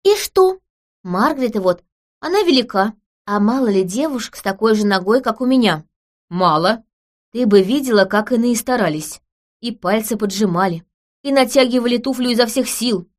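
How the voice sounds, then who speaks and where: A woman reading an audiobook, voicing a calm, earnest young woman who speaks in a serious, matter-of-fact way. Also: on the high side, normal speed, pitched above the performer's own voice, lightly acted.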